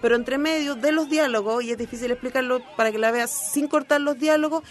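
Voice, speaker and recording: A speaker in casual literary discussion, explaining a book's experimental passages at a measured pace. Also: high-pitched. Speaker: book club discussant.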